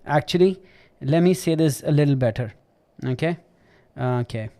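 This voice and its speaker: A man's voice: a little high, moderate pace, mellow. Chatty man teaching chemistry live. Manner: chatty, repeats himself, checks understanding often. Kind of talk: live online lesson.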